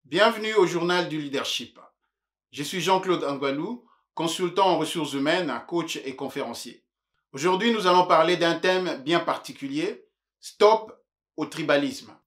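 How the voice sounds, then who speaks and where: Earnest man, higher-pitched voice. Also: animated, fairly bright tone. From Democratic Republic of the Congo. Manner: measured, preacher-like rhetorical cadence. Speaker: leadership coach and show host. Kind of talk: earnest monologue to camera.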